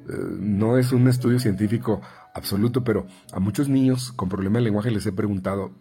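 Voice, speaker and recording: A man with a Mexican Spanish accent, a speech therapist, shares numbered tips with parents in a chatty way, with frequent fillers, repetitions, and restarts. He voices quoted parents and children higher. His warm voice runs a little fast over faint background music.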